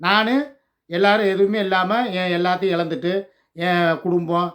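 An older man with a high, raised voice talks straight to his viewers in an emotional vlog rant. He moves from scolding to pleading, loud and worked up throughout. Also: fairly even intonation, normal speed. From Tamil Nadu, India. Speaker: channel host.

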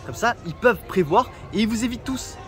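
A man's voice: sits high, animated, quick pace, faint music behind. Chatty man giving travel tips. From France. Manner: chatty, joking, direct advice to viewers. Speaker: travel vlogger. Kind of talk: casual travel tips vlog.

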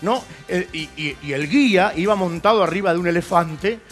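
A high-pitched Argentine man tells meandering jokes in a TV studio and bursts into voices and noises along the way. Music plays behind him. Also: normal speed. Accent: Argentine Spanish. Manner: rambling, animated, acts out voices and sound effects. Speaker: comedian. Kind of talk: stand-up joke telling on TV.

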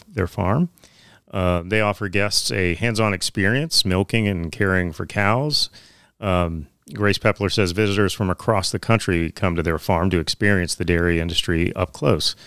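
A man's voice: sits low, fairly bright tone, smooth, dry recording. A man in his thirties reading agricultural news items in a small podcast studio, with occasional fillers and restarts. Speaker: podcast co-host. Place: small studio office with bookshelves. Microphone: studio mic on boom arm, headphones.

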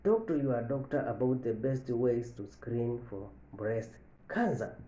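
Slow, dark-voiced man teaching. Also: medium pitch. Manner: repeats each point slowly, stressing key lines. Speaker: medical educator. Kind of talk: health education talk to camera. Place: office with large window, indoors. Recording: echoey room.

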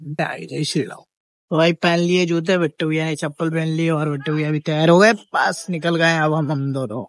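A man's voice: on the high side, steady tone, normal speed, no echo. A young man chatting casually and upbeat as he vlogs his walking pilgrimage. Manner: chatty, jokey, upbeat, religious greetings. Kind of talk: casual vlog narration while walking.

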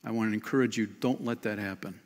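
A man in his fifties preaching a sermon from a lectern in a church, lively and emphatic, often calling listeners "man" and "friend". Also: on the low side, quick pace. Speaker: pastor. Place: church stage behind a clear lectern. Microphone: lectern mic. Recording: long church hall reverb.

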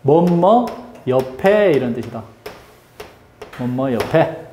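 A male English teacher giving a lively classroom grammar lesson, drilling students with call-and-response questions and teasing them. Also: medium pitch, slow pace, roomy sound, slight background noise.

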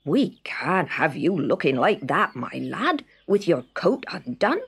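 A woman voicing a brisk male farmer scolding his scarecrow in a storybook. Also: low-pitched, big pitch swings, vocal fry, slightly rough, exaggerated voice.

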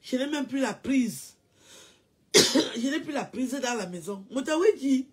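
A woman in a casual mocking rant, mixing teasing questions with drawn-out mock wailing. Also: high voice, expressive, slightly rough. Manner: mocking, with drawn-out mock wailing and repeated sing-song cries. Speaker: commentator.

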